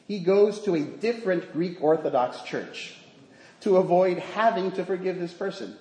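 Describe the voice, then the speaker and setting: A slightly high-pitched male priest preaching a sermon in a church, with his voice ringing out in a long reverb. He tells his story gently, in a measured rhythm.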